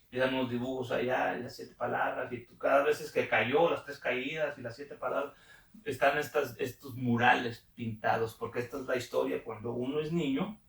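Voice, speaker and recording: A man's voice: medium pitch, fairly even intonation, moderate pace, gravelly, a bit bright. A man leading a Bible study, reading passages aloud and then explaining them, checking in with his listeners through frequent questions. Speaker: Bible teacher. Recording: roomy echo, distant mic.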